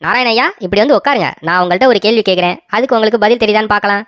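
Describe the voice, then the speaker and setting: A woman's voice: mid-range voice, rapid-fire, fairly bright tone, no room sound, clean studio sound, natural voice. A woman voicing a boastful, mocking village man in a cartoon story, talking in a taunting, scornful way. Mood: scheming.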